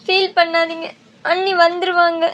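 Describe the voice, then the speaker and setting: A woman's voice: very high voice, level tone, moderate pace, a bit bright, muffled recording. A woman voicing a remorseful young woman in a cartoon, speaking anxiously. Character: young woman, guilty and tearful. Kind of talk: cartoon dubbing.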